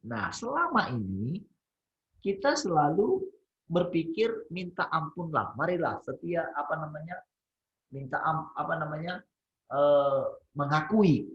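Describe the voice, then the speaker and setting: A man's voice: a little high, very animated, a little slow, lo-fi sound. A man leading an interactive Bible study on a video call, talking conversationally, asking the group questions and often searching for words. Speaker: Bible teacher.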